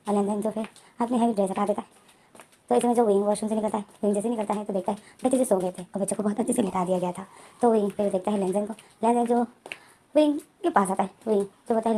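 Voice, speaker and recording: An Indian woman casually retells a romance story, narrating the plot and voicing the characters' lines herself. Her voice is mellow and mid-pitched.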